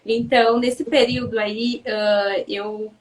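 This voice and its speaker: A soft-spoken woman in her thirties, from Paraná in Brazil, chatting casually as a guest in an interview and often tagging her sentences with questions. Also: fairly high pitch, level tone, takes it slowly, recorded from a distance, poor audio. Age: 30s.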